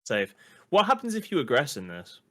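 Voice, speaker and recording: Animated man in casual game commentary. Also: a little high, moderate pace. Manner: chatty, animated, reads the guide aloud. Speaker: let's play co-host.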